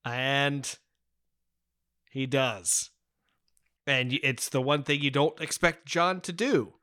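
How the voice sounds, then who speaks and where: A man in a casual film review chat, walking through scenes with eager recaps. His voice has a bright, forward edge. He leans on fillers and often restarts a sentence partway through. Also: medium pitch, fairly even intonation, slow pace. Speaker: podcast co-host discussing a film.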